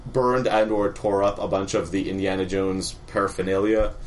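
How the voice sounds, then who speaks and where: A man's voice: sits low, little pitch movement, normal speed, slight background noise. A man hosting a podcast in casual chat, using a put-on radio announcer voice. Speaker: podcast host.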